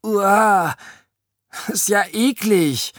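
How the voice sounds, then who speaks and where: A man's voice: mid-range voice, expressive, drawn-out words, fairly bright tone, slightly rough, no echo, clean studio sound, heavily acted. A man voicing a squeamish, bossy girl who shrieks in disgust in a children's audiobook.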